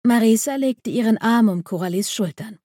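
A woman narrating a children's audiobook in a gentle storytelling manner. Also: a little high, moderate pace, breathy edge, no room sound, clean studio sound.

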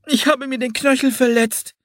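A man voicing an eager, excitable young girl in an audiobook, high and urgent. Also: moderate pace, dry recording, studio quality. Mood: earnest. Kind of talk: audiobook character voice.

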